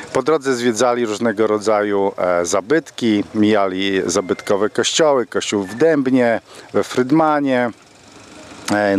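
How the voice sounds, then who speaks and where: A middle-aged man speaking outdoors into a handheld mic as a rally commander, steady and full of drawn-out fillers. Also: lowish voice. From Poland. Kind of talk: outdoor interview statement. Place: outdoors at a car rally parking area.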